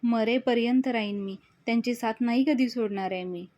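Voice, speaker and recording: A woman's voice: a little high, normal speed, dry recording, highs cut off, lightly acted. A woman voicing a tearful, apologetic young man in grief. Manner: tearful, soft.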